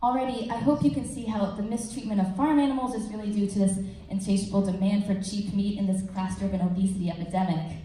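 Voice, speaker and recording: A woman's voice: medium pitch, steady tone, quick pace, hardly any pauses, mellow. A young woman, a student of upper-school age, giving an earnest prepared persuasive speech at a school assembly with casual asides. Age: teens to young adult, upper-school student. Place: large room at a school assembly. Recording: very echoey hall, faint noise.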